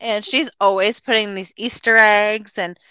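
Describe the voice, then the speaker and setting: A woman in her thirties co-hosting a casual podcast, telling stories excitedly with frequent laughs. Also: mid-range voice, unhurried, clear, resonant tone, dry recording. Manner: excited storyteller, laughs often. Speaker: podcast co-host. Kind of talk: casual chat.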